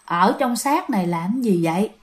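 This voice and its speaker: Woman narrator voicing old man spirit healer, calm, firm, plain-spoken, spoken ghost story. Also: medium pitch, moderate pace, close to an everyday voice.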